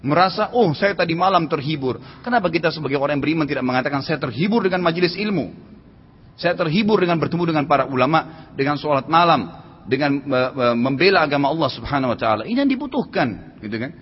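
A man delivers a sermon at a brisk clip, his husky voice sitting a little high. He acts out quoted voices as he tells stories. The sound is muffled and carries a long hall reverb. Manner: lively storytelling with quoted voices. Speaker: preacher. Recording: dull reverberant lecture hall audio.

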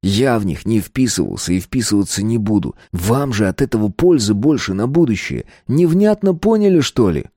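Teen boy bluffing hard, slow tough talk, read by a man. Dry close read. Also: fairly low pitch, big pitch swings, dark tone, no echo. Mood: indignant. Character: cocky teen boy bluffing gang members.

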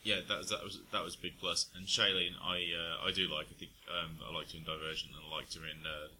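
A deep-voiced man co-hosts a casual chat and rambles through his thoughts with plenty of ums and restarts. His tone is bright and a little sharp, and a faint noise runs under the recording. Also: level tone, quick pace. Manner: rambling, hesitant, many fillers. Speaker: podcast co-host.

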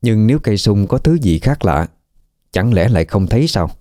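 A man narrating a horror story in a measured, even storytelling manner. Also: fairly low pitch, no echo, studio quality.

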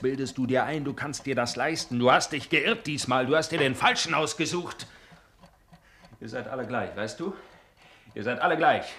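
Brooding young man, menacing and resentful, mid-pitched voice; radio drama. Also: a bit bright, a little hiss or hum. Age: young adult. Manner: threatening, brooding, repetitive. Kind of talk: 1960s German radio drama acting.

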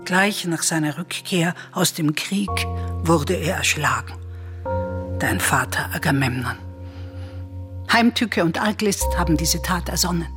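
An actress playing a consoling woman of Mycenae in a radio drama, speaking in a solemn, measured way. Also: sits low, lively intonation. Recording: radio play with soft music behind.

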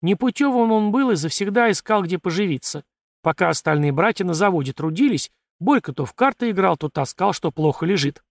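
A man doing a hoarse, gruff old village father. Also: high voice, animated, a little fast, no room sound, clean studio sound, voice pushed up. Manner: hoarse, rough rustic speech. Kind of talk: audiobook character reading.

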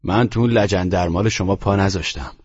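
Rude tired young guy, short snappy answers, sarcastic, man voicing him a bit raised, husky and lo-fi. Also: low-pitched, a little mellow. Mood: gruff. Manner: curt, cursing, sarcastic.

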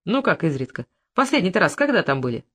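A reader voicing a brisk male investigator in an audiobook, questioning with dry, mildly mocking persistence. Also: medium pitch, sing-song, fairly bright tone. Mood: probing.

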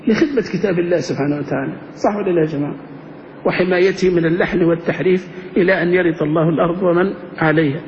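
A man's voice: fairly high pitch, a little mellow, a little hiss or hum. A man teaching grammar to a class, often asking the students questions. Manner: engaging, asks the class questions. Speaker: sheikh teaching Arabic grammar. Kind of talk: classroom lecture. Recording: muffled lo-fi classroom recording.

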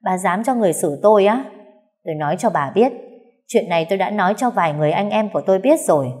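A woman's voice: mid-range voice, animated, a little mellow, natural voice. Woman doing a brazen, cocky young maid. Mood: defiant. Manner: cocky, sassy, quick retorts. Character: young housemaid, brazen and defiant.

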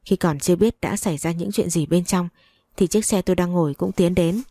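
A woman's voice: fairly low pitch, brisk, warm tone, dry recording. A woman narrating a first-person story in an earnest, emotional reading.

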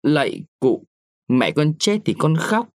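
A man's voice: a little high, very animated, measured pace, no echo, studio quality, voice pushed up. A man voicing a grieving young village widow who wails and begs. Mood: pleading. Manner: wailing and begging.

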